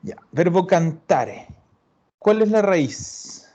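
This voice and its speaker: This Italian teacher's warm voice sits high, sing-song with drawn-out words. In his online language class he explains patiently, repeats things, and keeps checking understanding with "¿ya?".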